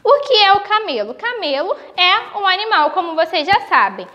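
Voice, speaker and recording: A woman with a Brazilian accent teaches a video lesson for young schoolchildren. Her voice sits very high, and she speaks patiently, pausing to stretch out each example word. The recording sounds dull and lo-fi. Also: big pitch swings, pushed and bright. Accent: Brazilian Portuguese. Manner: slow, explanatory, stretches example words.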